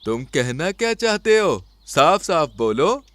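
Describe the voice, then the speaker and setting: A man's voice: on the high side, very animated, measured pace, fairly bright tone, pitched above the performer's own voice. A man voicing a stern, proud old male bear who speaks indignantly in a somewhat raised voice.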